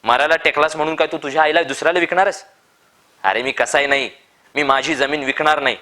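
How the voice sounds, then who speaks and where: A man voicing a stubborn, fierce old male farmer who shouts back in trembling defiance. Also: medium pitch, normal speed, lightly acted. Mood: defiant.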